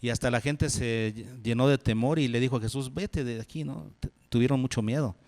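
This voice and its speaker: A man preaching as pastor, asking questions and answering them himself, dropping low and soft on key phrases. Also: steady tone, a little fast. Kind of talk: sermon. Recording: long hall reverb.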